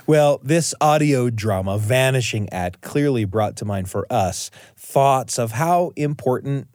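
A man co-hosting a podcast in a conversational, expressive way. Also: mid-range voice, unhurried, no room sound, studio quality. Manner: expressive, animated delivery. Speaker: podcast co-host.

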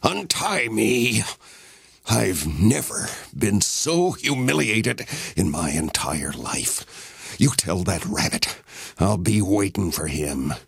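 A man puts on a humiliated cougar with a low, gravelly, husky growl, dragging out every threat in a slow drawl. The storybook villain sounds menacing and heard a little off the mic. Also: expressive, no echo, studio quality, exaggerated voice. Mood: vengeful.

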